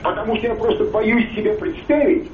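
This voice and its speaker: This is a man in his fifties phoning into a talk broadcast. He speaks in an earnest, measured way. His voice sits high and comes through a tinny, boomy phone line. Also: echoey room, slight background noise. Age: 50s. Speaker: caller. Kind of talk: call-in comment. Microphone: telephone.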